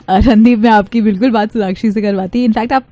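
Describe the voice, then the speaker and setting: A woman making a prank phone call, speaking in a soft, teasing and flirtatious way. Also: medium pitch, fairly even intonation, moderate pace. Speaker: prank caller.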